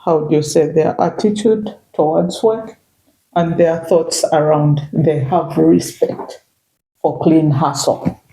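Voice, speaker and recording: In an echoey room, a middle-aged woman from Zambia whose first language is Bemba reflects casually as an interview guest, often saying "you know" as she circles back. She speaks slowly in a low, dark voice with fairly even intonation and a Zambian accent.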